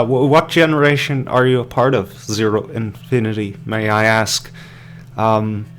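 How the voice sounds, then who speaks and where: An Irish man hosting a podcast live stream, rambling through hesitant casual commentary with many fillers and restarts, sipping beer as he goes. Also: medium pitch. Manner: drinking beer while talking. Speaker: podcast host.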